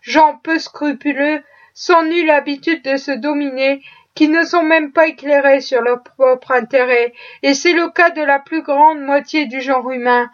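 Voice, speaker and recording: A woman reading the lines of a weary, cynical gentleman with slow, world-weary reasoning. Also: high-pitched, steady tone, highs cut off. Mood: resigned.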